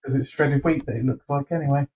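A man co-hosting a casual comedy chat, excitable and quick to laugh and shout. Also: medium pitch, distant mic, muffled recording, crowd noise. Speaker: podcast co-host.

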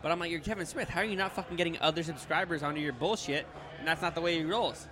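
At a brewery with crowd noise around him, a man in his twenties chats casually as a podcast guest. He's excitable and rambling, swears a lot, and talks quickly in a fairly high-pitched voice.

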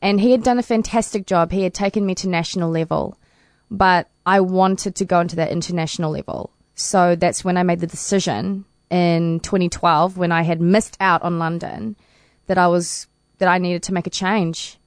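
Chatty New woman, low voice. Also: fairly even intonation, moderate pace, smooth, dry recording, studio quality. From New Zealand. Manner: chatty, laughs often. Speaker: interview guest, para swimmer. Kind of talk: casual interview answers.

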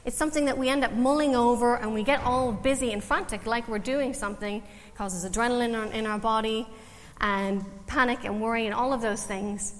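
Speaking fairly fast and at a fairly high pitch, this woman in her forties is a counselor from Canada invited to address a church. Her accent is Canadian with a light Irish twang, and her talk is casual, self-deprecating and full of ums. It was recorded in a church hall that echoes, with faint noise underneath.

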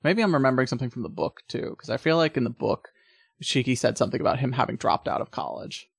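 A man's voice: mid-range voice, big pitch swings, fast, vocal fry, breathy edge, no room sound, studio quality. A man in casual podcast chat, recapping a film scene by scene, laughing often and rambling with fillers. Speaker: podcast co-host.

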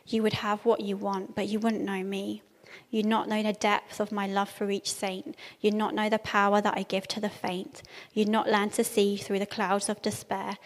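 A woman with a calm, gentle, earnest delivery, reciting devotional verse and prayer as a church speaker. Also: mid-range voice. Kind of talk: reciting a devotional poem and praying aloud. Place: large church room. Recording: long hall reverb.

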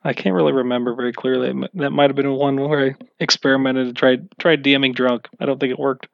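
A man's voice: medium pitch, little pitch movement, quick pace, gravelly, no echo, lo-fi sound. A man being interviewed about running tabletop games, answering in a casual, rambling and self-mocking way. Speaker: game master being interviewed.

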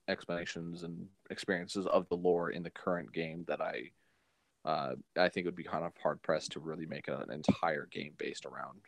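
In casual chat as a podcast co-host, a man explains things hesitantly, often correcting himself along the way. His voice is deep, and the recording is dry.

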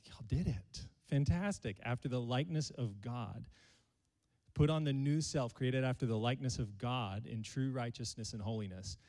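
A man's voice: medium pitch, normal speed, darkish tone, in a large hall. Guy preaching a sermon, joking around with the church. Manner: playful, jokes with the congregation. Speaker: pastor. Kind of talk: sermon to a live congregation.

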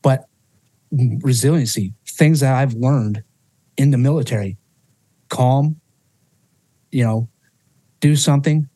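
A man speaks as a podcast guest with a mellow, relaxed tone in a dry, close-sounding room. He tells a personal story with raw emotion, swears freely and often restarts his sentences. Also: mid-range voice, slow, pauses often, slightly rough, no echo.

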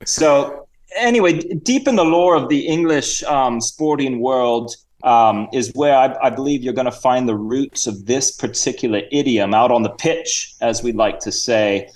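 A man voicing a jovial, stuffy British gentleman in a put-on mix of Cockney and Australian accents, chummy and full of idioms. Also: medium pitch, moderate pace, lightly acted. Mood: hammy chummy. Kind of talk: comedic improvised character bit.

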